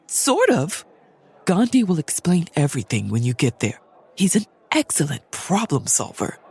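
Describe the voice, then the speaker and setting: A woman voicing a sly, brisk middle-aged aunt who gives orders in a dry, matter-of-fact way. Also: low-pitched, huge pitch swings, darkish tone, slightly rough, heavily acted. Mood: deadpan. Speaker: mentor aunt. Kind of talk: audio drama acting.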